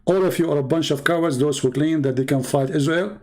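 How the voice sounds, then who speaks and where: A man's voice: a little high, brisk, dark tone, low-quality recording. A man from the Middle East giving a sarcastic, mocking polemical monologue as a debater, issuing challenges.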